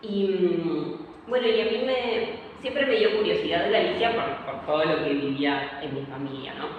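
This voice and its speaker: An Argentine woman with a lowish voice answers interview questions at a normal pace, hesitating often with many fillers and restarts. It's casual interview talk, recorded lo-fi in an echoey room, far from the mic, with faint noise.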